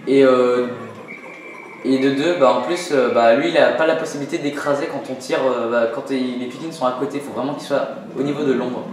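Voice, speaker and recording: A man's voice: mid-range voice, steady tone, brisk. Man, casual gameplay commentary, joking and self-mocking, very echoey room, game music behind. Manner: joking, self-mocking, many fillers, laughs often. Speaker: let's play host.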